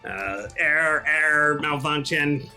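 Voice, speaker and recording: A man's voice: fairly high pitch, slow pace, sharp tone, soft background music, exaggerated voice. A man game master voicing a malfunctioning giant metal walker machine that glitches out with clipped error alerts. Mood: glitching. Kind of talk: voicing a creature in a tabletop game.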